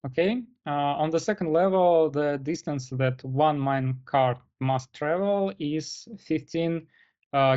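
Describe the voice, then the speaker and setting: Male case interviewer, formal and deliberate, unhurried pace with frequent pauses, medium pitch, dull lo-fi recording. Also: a little mellow. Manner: deliberate, pausing often mid-sentence.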